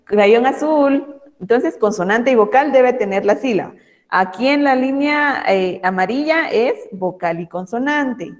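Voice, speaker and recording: A woman's voice: fairly high pitch, expressive. Patient woman teaching kids online, reverberant. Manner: patient, slow and emphatic when reading words aloud; affectionate toward pupils. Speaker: primary school teacher. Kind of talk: online class for young children. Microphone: video call.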